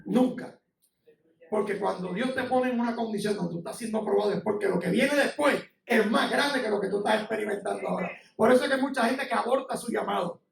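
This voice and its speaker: A man's voice: high-pitched, brisk, vocal fry. A middle-aged man with a Puerto Rican accent, preaching a sermon in an impassioned, conversational way, sharing personal testimony. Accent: Puerto Rican Spanish. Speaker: pastor. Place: church sanctuary. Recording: echoey church, from far off.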